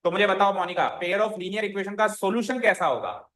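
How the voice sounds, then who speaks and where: High-voiced male maths teacher. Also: normal speed, a bit bright, echoey room, poor audio. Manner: explains step by step, keeps asking the class if they follow. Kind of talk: classroom lecture. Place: classroom.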